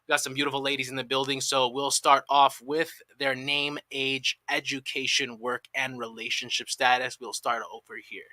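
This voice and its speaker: A man's voice: mid-range voice, level tone, moderate pace, hardly any pauses, sharp tone, no echo. Upbeat man hosting a live podcast. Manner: promotional, upbeat announcer delivery. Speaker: podcast co-host.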